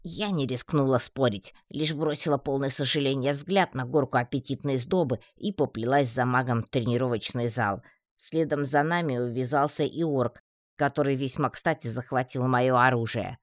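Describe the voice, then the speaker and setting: A reader telling a first-person fantasy audiobook with lively storytelling. The voice sits at a middling pitch, recorded very dry and close. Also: normal speed, no echo. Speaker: audiobook narrator.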